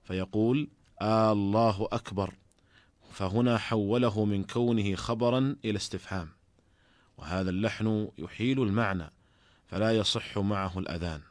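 A man, an Islamic scholar, teaching jurisprudence in a formal radio lesson, reading in a measured, deliberate way from a studio microphone. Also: lowish voice, dry recording.

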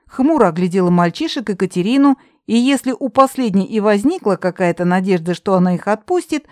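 A woman narrating a fantasy audiobook in an even storytelling read. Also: medium pitch, brisk, no echo, studio quality.

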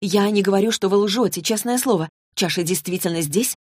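A woman's voice: medium pitch, brisk, darkish tone, no room sound, clean studio sound, voice pushed up, close to an everyday voice. A woman voicing an anxious teenage girl who speaks urgently and pleadingly. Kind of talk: audiobook character reading.

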